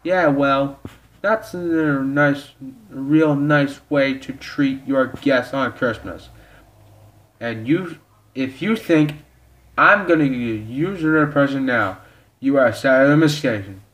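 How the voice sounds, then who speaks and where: A jittery, talkative donkey, as a man puts him on while reading, his voice pushed up high and loud. He chatters eagerly in storybook style. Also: slow. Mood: excited. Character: excitable chatty male donkey.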